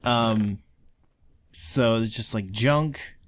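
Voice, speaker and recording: Speaking extremely slowly in a lowish voice, a man co-hosts a let's play and chats his way around a game world. The rambling commentary is packed with ums and likes, and there's slight background noise.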